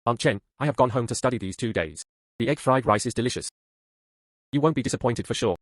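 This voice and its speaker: A man's voice: medium pitch, fast talker, dry recording, clean studio sound, natural voice. A man playing an earnest young male canteen cook who coaxes people to try his food, in dubbed drama dialogue. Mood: eager. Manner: earnest, coaxing. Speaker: hospital canteen chef.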